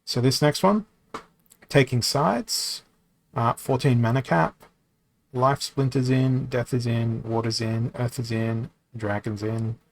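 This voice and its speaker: During a loose, casual live stream of a card game, a man at a mid-level pitch works through viewer questions at a slow pace. He answers them in a rambling way, full of ums and false starts.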